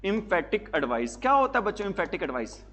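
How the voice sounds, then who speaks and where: A man's voice: sits high, sing-song, fast, sharp tone, a little hiss or hum. A male teacher giving a classroom lecture, asking questions and answering them himself. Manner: asks questions and answers them himself, repeats key words.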